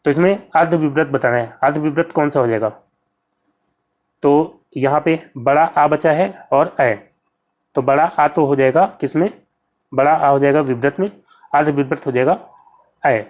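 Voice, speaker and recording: A young man running an exam-prep lesson, his voice sitting slightly high for a man. He explains each answer patiently and repeats key terms, speaking to viewers as friends. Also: normal speed, pauses often. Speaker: Hindi exam tutor.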